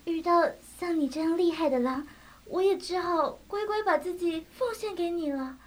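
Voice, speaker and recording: Tiny scared lamb, super high squeaky voice, stammers a lot, woman voicing it. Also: moderate pace. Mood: pleading. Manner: stammering, pleading. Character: small timid clever lamb, childlike.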